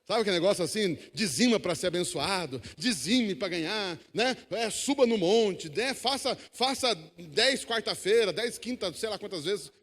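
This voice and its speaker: A man's voice: sits high, lively intonation, normal speed, few pauses, a bit bright. A man preaching a sermon, emphatic, calling the congregation to repeat after him. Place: church hall. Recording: long echo of a church hall.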